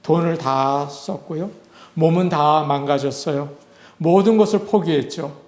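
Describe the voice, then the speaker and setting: Higher-voiced male pastor preaching in a roomy space. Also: a little slow, darkish tone. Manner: conversational preaching, acting out quoted voices. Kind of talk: sermon.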